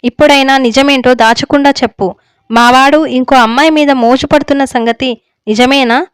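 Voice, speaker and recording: A woman's voice: sits high, steady tone, moderate pace, smooth, dry recording, natural voice. A woman reading the lines of a stern older village elder husband who lectures on righteousness. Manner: stern, moralizing, unbending. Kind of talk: story reading.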